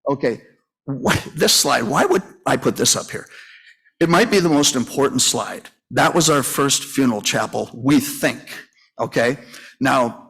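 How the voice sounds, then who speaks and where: A man's voice: mid-range voice, lively intonation, unhurried, vocal fry, a bit bright, slightly rough. A man in his sixties giving a folksy, rambling conference talk, full of fillers and restarts as he tells stories. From Minnesota, US. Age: 60s. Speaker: funeral home owner and conference speaker. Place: conference session room.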